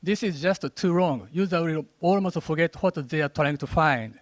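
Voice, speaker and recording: High-voiced Japanese man rushing through a demo. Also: dry recording. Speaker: conference speaker. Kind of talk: lightning talk with live app demo. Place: conference stage.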